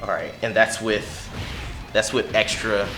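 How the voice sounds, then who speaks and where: A man's voice: lowish voice, fairly even intonation, measured pace, over music. A man casually commenting on his own mobile game run, talking to himself and his viewers as he plays. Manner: chatty, mutters to himself, bursts loud at big hits. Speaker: gaming channel host.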